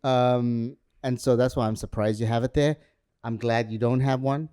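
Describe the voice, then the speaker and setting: A man's voice: medium pitch, steady tone, normal speed, warm tone, clean tone. A man with a South African accent, co-hosting a casual podcast chat and often repeating words while he searches for them. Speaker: podcast co-host.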